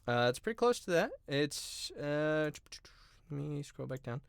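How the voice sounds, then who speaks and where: A man's voice: fairly high pitch, gravelly, smooth, no room sound, clean studio sound. Man narrating as game master. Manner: relaxed, many filler ums, quick rules talk. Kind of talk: narrating a tabletop role-playing game.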